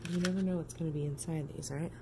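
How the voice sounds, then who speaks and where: A woman vlogger with a sick, rough voice, chatting casually and eagerly at home and thinking out loud. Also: low-pitched, fairly even intonation, quick pace. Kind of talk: casual vlog chat. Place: home kitchen. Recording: noisy home recording.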